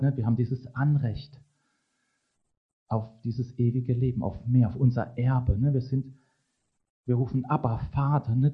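Male preacher, mid-pitched, conversational sermon delivery with frequent tag questions; slightly muffled lo-fi recording. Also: breathy edge.

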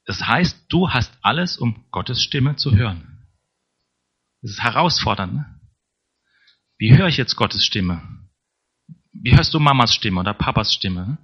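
Man, sermon, chatty delivery, middle pitch, dull lo-fi sound. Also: expressive, measured pace, pauses often, fairly bright tone, breathy edge. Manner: conversational, tag questions to congregation. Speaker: preacher.

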